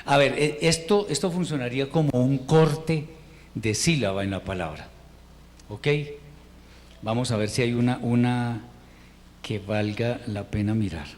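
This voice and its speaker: A man teaches Hebrew reading rules in an unhurried, patient way, stopping to restart his sentences. His voice sits in a middle pitch range. A faint background hiss runs under the recording. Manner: patient, explains step by step with pauses and restarts. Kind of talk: informal language lesson.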